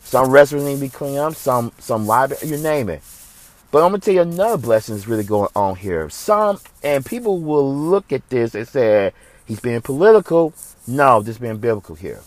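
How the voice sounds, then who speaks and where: A man's voice: medium pitch, lively intonation, a little fast, no room sound. An impassioned man from the United States hosts a religious commentary show. He preaches emphatically, restarting and repeating phrases to hammer each point home. His mid-range voice sounds dry and close, with no room around it.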